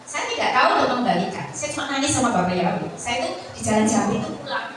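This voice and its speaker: A woman preacher, giving a Sabbath sermon and telling her own story in an animated way, acting out the people she quotes. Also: on the high side, very fast. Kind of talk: Sabbath sermon with personal testimony. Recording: echoey hall, voice from far off, ambient noise.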